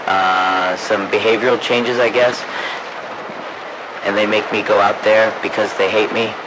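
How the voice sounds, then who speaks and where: A man's voice: fairly low pitch, flat delivery, a little slow, noisy background, natural voice. A man playing a resentful, weary field worker, hesitant and grumbling, in found-footage style. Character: resentful, weary male marine institute worker. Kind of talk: found-footage vlog acting.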